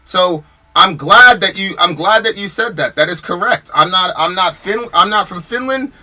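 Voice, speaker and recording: Responding heatedly to chat comments on his podcast, an American man argues with emphasis and rhetorical questions. His high-pitched voice is expressive and sharp at normal speed, and he repeats words and restarts as he gets worked up.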